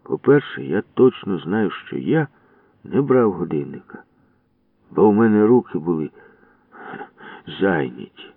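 A man's voice: low-pitched, big pitch swings, measured pace, creaky, pauses often, no echo, heavily acted. A man voicing a sly teenage bully boy who talks in a mocking, mock-polite way, on a distant, tinny radio recording.

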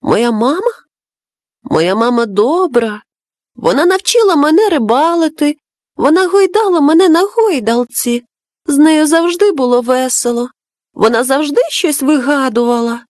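A small storybook boy, eager and a little wistful, played by a woman reader in a high childlike register. He speaks with open wonder and sadness for his lost mother. The voice sits well above an ordinary adult's. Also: animated, moderate pace, darkish tone, dry recording, studio quality.

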